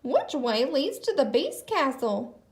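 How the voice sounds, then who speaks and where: A woman's voice: high voice, big pitch swings, slow pace, roomy sound, exaggerated voice. A woman voicing a goofy, good-natured, clumsy male hero from a children's storybook. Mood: amiable.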